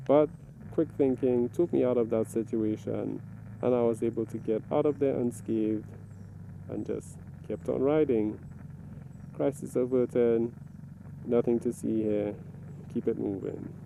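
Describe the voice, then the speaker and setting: A man giving a casual, step-by-step video commentary, explaining things deliberately and pausing mid-sentence. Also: mid-range voice, fairly even intonation, vocal fry, dark tone, slight background noise, poor audio. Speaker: motovlogger reviewing own ride footage.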